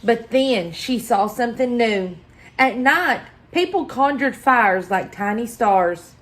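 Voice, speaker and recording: A woman reading a children's picture book aloud as a story-time host, deliberate and expressive, pausing for effect. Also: a little high. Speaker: library story-time reader.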